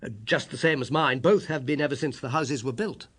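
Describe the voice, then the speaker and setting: A man voicing a genial, modest young British doctor in an audiobook, husky and amiable, a little hesitant and puzzled. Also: medium pitch, brisk, fairly bright tone, close to an everyday voice. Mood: eager, hesitant.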